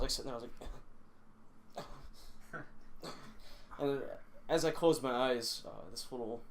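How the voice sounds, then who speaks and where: A young man hosting a casual podcast, telling rambling stories full of swearing and laughing as he goes. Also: medium pitch. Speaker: podcast host. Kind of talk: casual chat.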